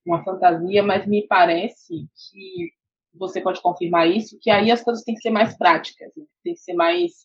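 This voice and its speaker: A Brazilian woman co-host asks measured questions, hedging as she thinks aloud. Her voice is husky. The sound is dry and dull, with a slightly lo-fi edge. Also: medium pitch, sing-song, no room sound. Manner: measured, thoughtful questions with hedges. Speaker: podcast co-host. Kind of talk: interview questions.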